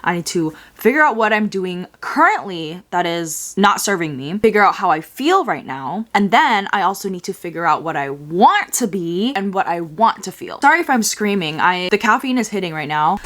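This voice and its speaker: A bubbly young woman in her twenties talks through her day in a casual vlog. Her voice sits at a middle pitch, with a slight lisp. She rambles cheerfully and leans on filler words. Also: sing-song, moderate pace, hardly any pauses, fairly bright tone. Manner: chatty, filler-heavy, bubbly. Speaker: vlogger.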